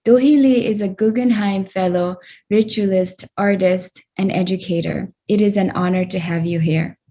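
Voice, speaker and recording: A woman's voice: mid-range voice, fairly even intonation, normal speed, dark tone. A woman hosting a virtual fundraiser over a video call, graciously thanking guests and introducing the next one. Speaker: event host.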